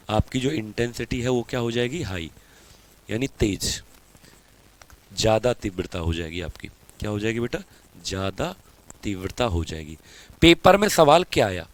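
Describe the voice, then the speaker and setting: A man teaching a live online physics class, asking questions and answering them himself, calling his students beta, and slowing down to dictate notes. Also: medium pitch, animated.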